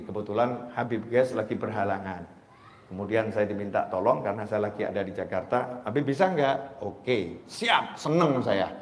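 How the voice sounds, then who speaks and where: A man preaching a sermon at a religious gathering, animated and emphatic, with joking asides. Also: on the low side, reverberant, slight background noise.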